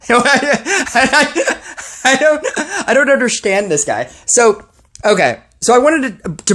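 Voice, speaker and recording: A woman posting a ranting commentary video about a mobile game, sarcastic and exasperated. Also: medium pitch.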